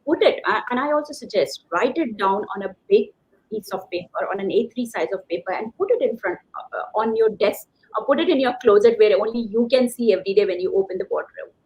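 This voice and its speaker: A woman speaking at medium pitch and a quick pace, her tone somewhat dark, offers emphatic, conversational motivational advice. She is a career coach being interviewed as a guest, and the call audio is slightly dull and lo-fi.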